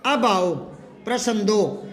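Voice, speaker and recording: A man's voice: high-pitched, slow, soft background music. A man teaching a Hindi grammar lesson, repeating words and firing questions at his students to drill them.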